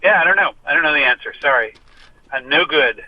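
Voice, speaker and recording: A man's voice: a little high, lively intonation, fairly quick, a little hiss or hum. Brief: male musician guest on a muffled phone line from his car, rambling, self-deprecating. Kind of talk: casual phone interview.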